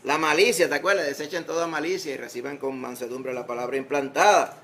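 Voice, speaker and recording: This male pastor speaks fast, his pitch fairly high and his tone steady and a bit bright. He preaches in a church sanctuary with a Puerto Rican Spanish accent, keeping the sermon conversational with jokes and rhetorical questions.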